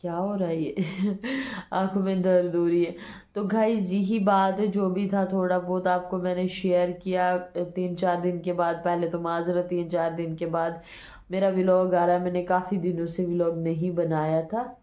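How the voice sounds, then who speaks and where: Young female vlogger, hoarse and feverish, tired and rambling, recorded on a phone in an echoey room. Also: on the low side, flat delivery, normal speed, dull audio. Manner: weary, sleepy, rambling. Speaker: vlogger and street cart vendor. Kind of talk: casual vlog talk to camera. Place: small room at home, indoors. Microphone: phone held by hand.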